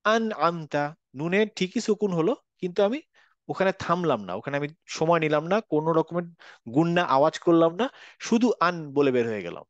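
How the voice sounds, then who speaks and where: Man, Bangladeshi Bengali accent, Quran recitation teacher, patient, repeats examples, slightly high pitch. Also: big pitch swings, no echo, muffled recording. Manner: patient, repeats examples slowly, checks students understand. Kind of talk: online class teaching.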